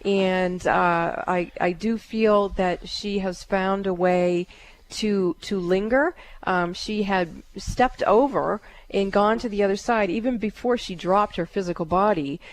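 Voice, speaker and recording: A middle-aged woman, a psychic host on a call-in radio show. She speaks in a calm, soothing way and often pauses on fillers. Her pitch sits in an ordinary middle range. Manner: chants in a high drawn-out voice.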